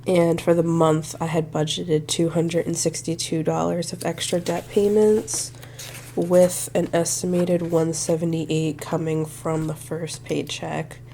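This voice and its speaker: A young woman who hosts a budgeting channel talks through her budget to camera in a casual, friendly way, thinking aloud as she works the numbers. Her low, mellow voice is a little nasal from congestion, creaky and flat, with very little rise and fall at a measured pace. A faint hiss sits under the recording.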